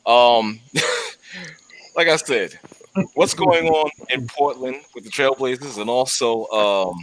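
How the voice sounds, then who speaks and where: A man's voice: medium pitch, slow, fairly bright tone, poor audio. A man hosting a casual sports talk show over a remote call, teasing his co-host and laughing often. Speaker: podcast host.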